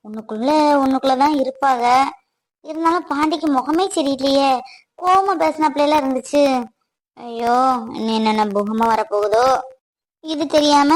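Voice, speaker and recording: An anxious young wife in a cartoon, voiced by a woman, fretting and thinking aloud. She speaks low and slow, full of worry. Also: natural voice, poor audio. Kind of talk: cartoon voice acting.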